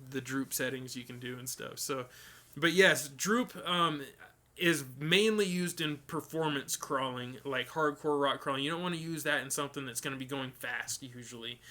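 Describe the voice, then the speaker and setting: A man hosting a live stream, casually answering viewer questions with lots of ums and restarts. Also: on the high side. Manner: relaxed, rambling, many ums and restarts.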